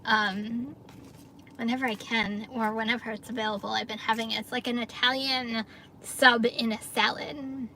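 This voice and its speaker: A chatty, upbeat middle-aged woman talks casually to her livestream viewers from inside her car, laughing easily between thoughts. Her voice sits a little high for a woman. A faint hiss of background noise runs under the recording. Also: fairly even intonation, moderate pace, bright, forceful tone. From New York area, US. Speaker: livestream host, gig delivery driver. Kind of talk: casual livestream chat reading viewer comments.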